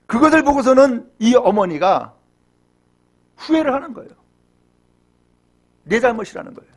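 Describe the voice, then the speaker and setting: A male pastor preaching a Sunday sermon in church, moving between hushed storytelling and raised, fervent exhortation, with rhetorical questions to the congregation. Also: very high voice. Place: church during Sunday service.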